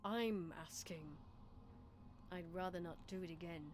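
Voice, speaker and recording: A woman's voice: on the low side, unhurried, noisy background, lightly acted. A woman doing a curt masked male intruder. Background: game music.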